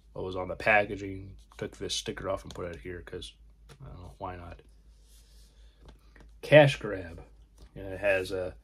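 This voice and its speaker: Slow, husky-voiced man rambling about films. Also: fairly low pitch, darkish tone. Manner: rambling, halting talk with frequent pauses. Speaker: film channel host. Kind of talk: casual video collection review.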